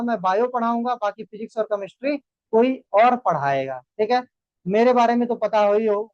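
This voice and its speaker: A man's voice: high voice, clear, resonant tone, dry recording. A young man teaching biology, giving a motivational lecture to students and checking in with them often. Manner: lecturing, addresses students as beta; repeats "thik hai na" checks. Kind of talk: motivational class talk. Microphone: online class mic. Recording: dull dry sound.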